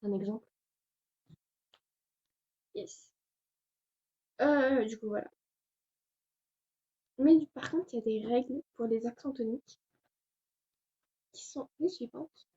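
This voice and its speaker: A young woman gives a relaxed home lesson in a slow, hesitant, chatty way. Her voice is dark and somewhat husky. The recording sounds dull and lo-fi. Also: fairly high pitch. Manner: chatty, hesitant, many fillers. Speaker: language tutorial host. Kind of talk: casual spoken lesson.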